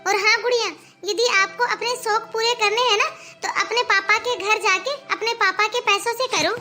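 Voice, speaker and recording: Cartoon aunt, sharp and lecturing, very high and bright, a woman doing it. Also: steady tone, moderate pace. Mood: scolding. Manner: lecturing, blunt. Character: sharp-tongued scolding woman, the girl's aunt by marriage. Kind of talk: cartoon voice acting.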